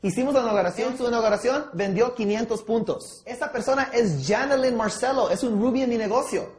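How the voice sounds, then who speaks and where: A man's voice: very high-pitched, brisk. A man leading a sales training session, acting out objections with listeners and often checking they follow, mixing in English words. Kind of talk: training talk with role-play. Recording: echoey room.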